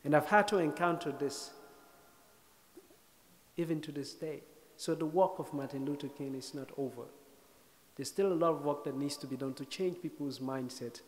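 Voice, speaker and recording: A man in his thirties from Sierra Leone speaks to an audience in a lecture hall, his voice sitting a little high for a man. He tells a personal story with wry, self-deprecating humor, pausing to reflect as he goes. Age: 30s. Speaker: guest speaker.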